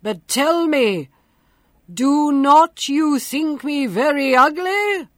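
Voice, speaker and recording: A woman voicing a gentle, humble male beast who speaks loudly and draws his words out. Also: sits high, expressive, slow, no echo, studio quality, voice pushed up. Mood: plaintive.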